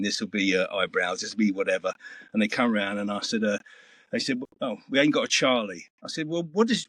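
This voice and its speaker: A man's voice: lowish voice, a bit bright, no room sound. A middle-aged man, telling stories in a rambling, earthy way as an interview guest. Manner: rambling, earthy storytelling with swearing. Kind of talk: casual interview chat.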